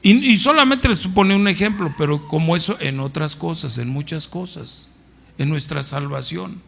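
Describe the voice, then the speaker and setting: Male pastor, mexican spanish accent, middle-aged, high gravelly voice, church sermon, keeps asking the congregation questions. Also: lively intonation, normal speed. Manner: conversational preaching, asks the congregation questions.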